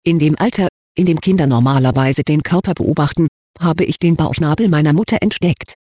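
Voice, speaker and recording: A man with a husky voice reading an anonymous confession aloud in an even, matter-of-fact way. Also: fairly high pitch, fairly quick, no echo, clean studio sound.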